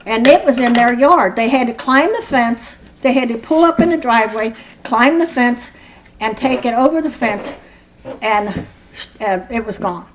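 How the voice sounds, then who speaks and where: An older woman from Norwood, Ohio, speaking as a resident at a council meeting, rambling and aggrieved, with halting restarts. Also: on the high side, slight background noise, poor audio. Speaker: resident speaking at public comment. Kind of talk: public comment at a council meeting.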